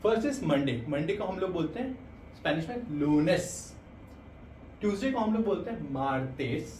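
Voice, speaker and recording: A high-pitched man teaches a lesson at an easy pace. He repeats each word slowly, pausing to check in with learners. He sounds a little distant from the mic in an echoey room with faint background ambience. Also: expressive, darkish tone, slight background noise. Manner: patient, repeats words slowly, often says "thik hai". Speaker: language teacher. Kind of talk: explaining pronunciation to learners.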